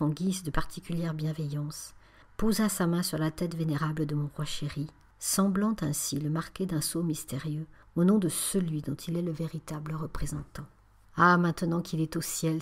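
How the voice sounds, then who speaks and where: This audiobook of a spiritual memoir is read by a woman whose voice sits on the low side. She keeps a calm, measured pace, frequently with a breathy quality.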